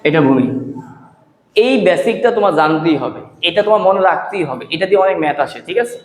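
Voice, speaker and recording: A man's voice: a little high, expressive, fast. A male math teacher gives a classroom lecture, repeating key terms, quizzing his students and using rhymes as memory aids. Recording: echoey, reverberant room.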